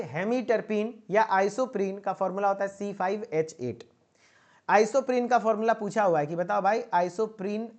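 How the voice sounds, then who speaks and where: This man's voice sits high with a darkish tone as he lectures pharmacy students online to prepare them for exams. He goes over points more than once and keeps asking a coaxing "okay?".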